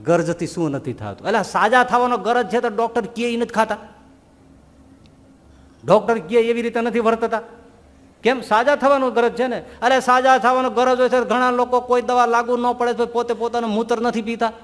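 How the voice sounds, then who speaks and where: A man preaching a sermon, telling animated stories and asking rhetorical questions. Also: extremely high pitch, normal speed, in a large hall. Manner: animated storytelling, rhetorical questions, voices quoted figures. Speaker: Swaminarayan preacher.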